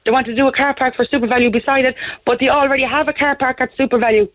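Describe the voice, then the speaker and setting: Irish woman, young, caller on a thin phone line, anxious, quick and pleading. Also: high-pitched, steady tone. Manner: pleading, repeats "to be honest". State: anxious and shaken. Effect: heard over a phone line. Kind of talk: radio phone-in call. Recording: tinny phone line on radio.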